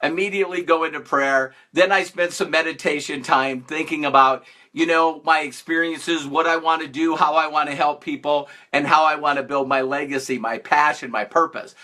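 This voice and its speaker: A man's voice: on the high side, steady tone, moderate pace, hardly any pauses, bright, forceful tone. Upbeat man hosting a live stream. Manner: upbeat, greets viewers by name, playful mock-sarcastic emphasis. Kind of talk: casual live-stream talk to viewers.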